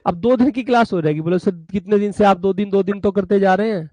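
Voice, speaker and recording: A fast-talking man with a high-pitched, dark-toned voice teaches law in a live online class, heard in a dry recording. He brings the lessons to life by acting out a buyer and a seller in little stories, and he is chatty and fatherly toward his students.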